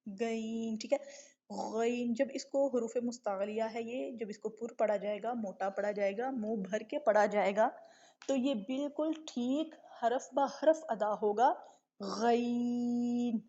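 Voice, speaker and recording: A woman's voice: a little high, mellow. Patient woman teaching recitation, lo-fi audio. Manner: patient, explanatory, keeps checking with a repeated question; demonstrates letter sounds slowly and drawn out. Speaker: tajweed teacher. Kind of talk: live online lesson. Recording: dull lo-fi online stream audio.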